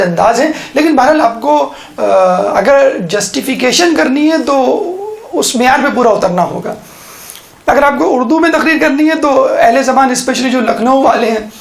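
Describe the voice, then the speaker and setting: A woman's voice: on the high side, gravelly, roomy sound. A woman giving an instructional lecture on how to give sermons, explaining step by step and often checking in with her listeners. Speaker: religious teacher.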